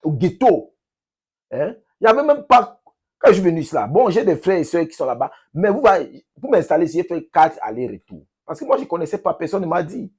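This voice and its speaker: A man from Cameroon with a Cameroonian French accent, talking casually to his subscribers in an emphatic, repetitive, halting way. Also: a little high, very animated, a little mellow, husky. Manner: emphatic, repeats phrases, halting with restarts. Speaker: vlogger, language teacher.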